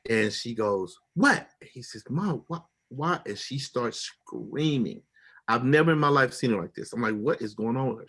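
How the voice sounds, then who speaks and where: A middle-aged man tells a painful personal story in an animated, emotional way. His voice sits in an ordinary middle range. He leaps high when he mimics the people he quotes. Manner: animated, acts out quoted voices with big pitch jumps. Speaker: guest telling his story.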